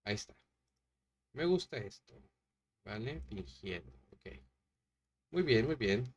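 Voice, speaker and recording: A man hosting a writing lesson, thinking aloud while editing a story and then reading it out, with hesitant, drawn-out words. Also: medium pitch, animated, muffled recording. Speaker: podcast host teaching story writing.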